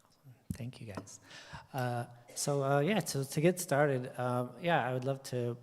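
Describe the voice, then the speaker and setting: Male panel moderator, halting delivery, reverberant hall. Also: medium pitch. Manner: hesitant, many fillers. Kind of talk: live panel talk.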